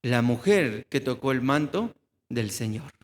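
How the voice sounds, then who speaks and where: Mexican preacher in a reverberant hall. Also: male voice, medium pitch, expressive, measured pace. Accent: Mexican Spanish. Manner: asks the congregation questions and answers them himself. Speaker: pastor. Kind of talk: sermon. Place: church hall.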